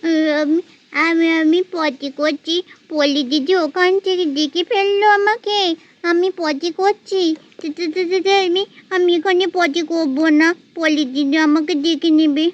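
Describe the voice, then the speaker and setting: A woman's voice: very high voice, steady tone, normal speed, lo-fi sound. A woman voicing a small boy in a doll story who whimpers and stammers in babyish speech. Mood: whimpering.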